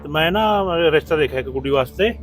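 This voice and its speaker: An actor playing a chatty village matchmaker, speaking with a Punjabi accent. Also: male voice, on the high side, lively intonation, quick pace, faint music behind, lightly acted. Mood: gossiping. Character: gossiping village matchmaker man.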